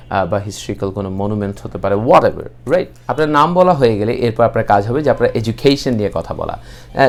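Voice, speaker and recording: A young man with a Bangladeshi accent teaching an English class, explaining steadily and slowing right down for model sentences. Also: mid-range voice. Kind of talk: online English class, mixing Bengali and English.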